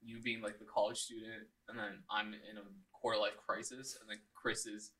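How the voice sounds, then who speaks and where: A twenty-five-year-old man in a casual podcast chat, giggly and quick with apologetic asides. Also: lowish voice, little pitch movement, a bit bright, distant mic, low-quality recording.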